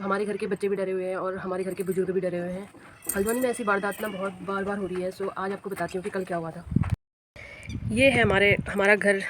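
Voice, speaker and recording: A woman's voice: medium pitch, background noise. A woman giving a casual, earnest vlog account of local news from a rooftop, often repeating her points for emphasis. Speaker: vlogger. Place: outdoors on a house rooftop.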